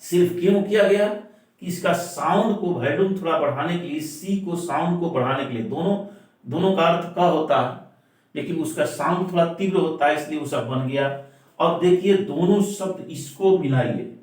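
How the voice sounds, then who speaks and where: Male teacher, fairly high voice, repetitive question-and-answer delivery, very echoey room, distant mic. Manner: stresses words by repeating them slowly. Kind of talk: classroom-style explanation.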